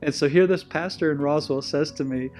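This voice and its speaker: This Israeli guest, a native Hebrew speaker with an Israeli accent, has a brisk, rather high voice with a darkish tone, and faint music plays in the background. His interview storytelling rambles, full of self-corrections and repeated restarts.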